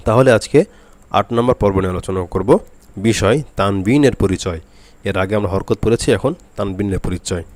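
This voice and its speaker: A man teaching a Quran reading lesson, speaking slowly and repeating each letter drill aloud. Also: fairly low pitch, a little mellow. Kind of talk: spoken lesson to camera.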